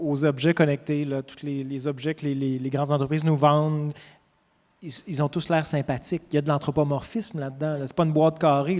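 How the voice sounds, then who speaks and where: A man with a Quebec French accent puts a follow-up to a panelist in a casual, conversational way. His voice is fairly high for a man. The hall gives it a long reverb. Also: a little mellow. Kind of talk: panel discussion.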